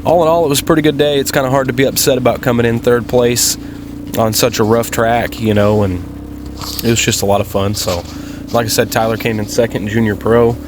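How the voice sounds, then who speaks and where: A man's voice: medium pitch, fairly even intonation, a little fast, background noise. A man giving casual, rambling vlog commentary about racing, in a folksy, laid-back way. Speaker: motovlogger and amateur off-road racer. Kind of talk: casual vlog commentary over race footage.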